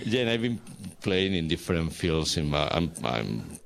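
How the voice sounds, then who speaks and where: A man from Spain with a Spanish accent, speaking as a guest artist in an interview, halting and searching for words in English. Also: extremely low pitch, very animated, creaky. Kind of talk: casual interview talk.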